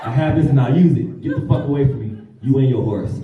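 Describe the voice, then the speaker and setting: A young man from Ohio doing profane stand-up comedy, chatting with the crowd and slipping into squeaky quote voices. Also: fast, narrow, tinny audio. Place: comedy club stage. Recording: roomy club sound from a distant mic. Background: audience laughter.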